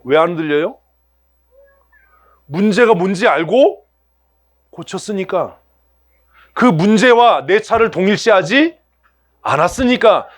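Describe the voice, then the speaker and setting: High-voiced male pastor preaching. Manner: asks the congregation rhetorical questions; acts out everyday scenes in other voices. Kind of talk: sermon. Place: church sanctuary.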